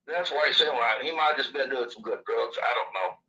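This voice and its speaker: A man's voice: medium pitch, brisk, pushed and bright, highs cut off. A man with a lisp from missing upper teeth, telling his story in a casual, rambling way. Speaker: interviewee recounting his own experience.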